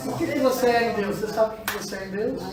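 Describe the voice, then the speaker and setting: A man's voice: high-pitched, rapid-fire, a loud crowd. A pastor preaches with repeated rhetorical questions and calls for amens. His voice rings through a very echoey hall, picked up from some distance. A congregation murmurs and answers around him. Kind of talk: sermon. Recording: echoey church room, mic far off, congregation.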